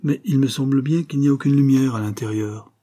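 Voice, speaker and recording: Guy voicing a nervous fussy gentleman, uneasy and puzzled, kinda husky low-key voice. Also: fairly quick, close to an everyday voice. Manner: nervous, perplexed. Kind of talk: audiobook character voice.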